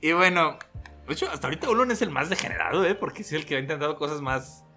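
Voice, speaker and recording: A man, hosting a casual podcast and retelling scenes in an animated way, laughing often. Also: fairly high pitch, rapid-fire, soft background music. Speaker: podcast host.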